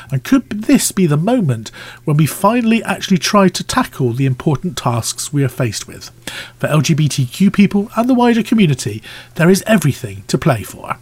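A man presenting a scripted news report in a husky voice. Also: a little high, a little mellow.

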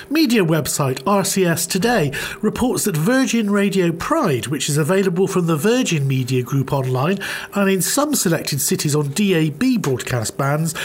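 A man reading out a scripted news bulletin on a radio show, with a formal, measured delivery. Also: sits high, slight background noise. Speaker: news presenter.

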